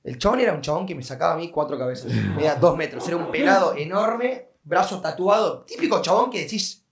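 A young man with an Argentine accent tells a story on a podcast. His voice sits high for a man, and he acts out the sounds and voices in his tale with lively energy. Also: fast talker, vocal fry. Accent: Argentine Rioplatense Spanish. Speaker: podcast guest. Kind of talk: casual storytelling.

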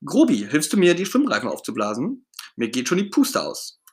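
A man's voice: on the high side, huge pitch swings, normal speed, pitched above the performer's own voice. A man voicing Ernie, a cheerful, eager boyish puppet friend, in a storybook reading with a bubbly, pleading manner.

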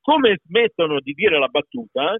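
This middle-aged voice actor from Piedmont, Italy, speaks with a Piedmontese accent as a guest in a conversational interview. His voice is a little high and slightly rough at a moderate pace, and he's emphatic and animated, repeating words. The dry recording sounds like a tinny phone call.

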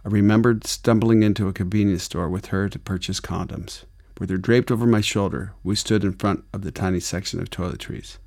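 A man from Arizona narrating a memoir audiobook in a wry, deadpan, gritty way. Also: sits low, a little fast, vocal fry.

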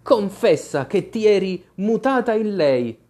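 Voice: mid-range voice, sing-song, measured pace, warm tone, pitched above the performer's own voice. A storyteller voicing an eager, imaginative little girl in an audiobook, talking fondly and with a lilting lift. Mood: chattering fondly.

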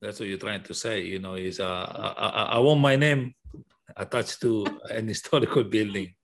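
A man's voice: fairly low pitch, moderate pace. A man hosting a podcast, chatting casually and rambling through repeated restarts as he asks questions. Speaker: podcast host. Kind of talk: casual interview chat.

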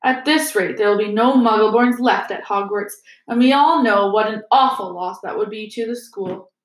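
A woman's voice: medium pitch, moderate pace, reverberant, natural voice, low-quality recording. A woman voicing a haughty, wealthy male villain in a storybook, with a lazy, mock-polite drawl. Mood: smooth contempt. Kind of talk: storybook character voice.

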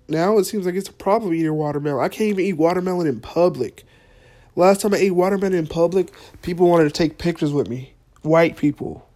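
A man's voice: a little high, mellow. A man hosting a podcast, delivering a profane, mock-earnest comedic rant. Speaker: podcast host.

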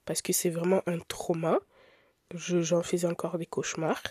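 A young woman who grew up in Italy, hosting a podcast in a candid, expressive, chatty way with frequent filler words. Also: fairly low pitch, moderate pace, slightly rough, no echo, clean studio sound. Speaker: podcast host. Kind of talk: casual podcast monologue.

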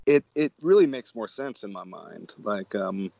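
A man's voice: fairly low pitch, expressive, normal speed, creaky, warm tone, highs cut off. A man from Connecticut with an American accent, interviewing in a casual, thoughtful and somewhat hesitant way. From Connecticut, United States.

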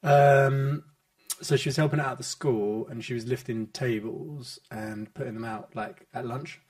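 British man, average pitch, casual conversation, hesitant and rambling delivery. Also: steady tone, measured pace, darkish tone. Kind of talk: casual chat.

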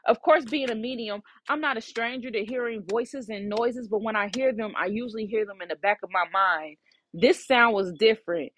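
A woman's voice: a little high, normal speed, a bit bright, a little hiss or hum. A woman who works as a psychic medium tells a personal story casually and with animation, often saying "you know". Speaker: psychic medium and podcast host.

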